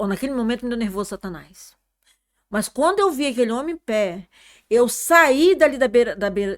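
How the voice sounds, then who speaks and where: Impassioned woman telling a testimony. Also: on the high side. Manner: dramatic storytelling, voice swings from hushed to loud; repetitive, earnest, addresses listener as "irmão". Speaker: guest, prayer circle leader. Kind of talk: emotional religious testimony.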